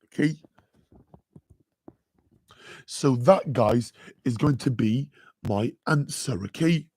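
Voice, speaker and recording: A man with a deep, husky, slightly mellow voice speaks a little slowly, with no echo, while tutoring a live maths revision lesson. His chatty delivery is sprinkled with "okay" and "guys."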